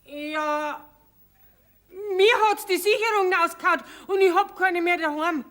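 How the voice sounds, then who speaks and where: An actress playing a nosy, indignant rural neighbour with a Bavarian accent, grumbling bluntly in a folk theatre comedy. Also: female voice, very high voice, a little slow, fairly bright tone. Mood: suspicious.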